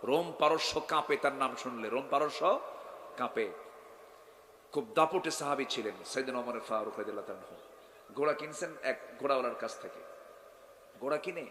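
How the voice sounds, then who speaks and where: A man preaching a sermon, telling stories dramatically with sudden loud bursts and quizzing the crowd. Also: medium pitch, a little fast, long pauses, slight background noise. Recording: echoey hall with long reverb.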